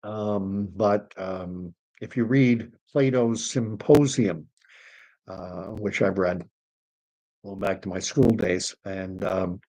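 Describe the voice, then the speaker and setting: A middle-aged Canadian man reads viewer comments aloud on a live stream and wanders off topic, speaking slowly with a darkish tone. His low voice is tiring and hoarse after an hour of talking, and he hesitates often with ums and uhs, all on a rough recording.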